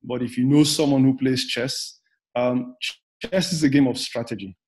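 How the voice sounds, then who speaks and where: A man's voice: medium pitch, steady tone, normal speed, darkish tone. Thoughtful man with many fillers. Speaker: guest researcher. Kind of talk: podcast interview.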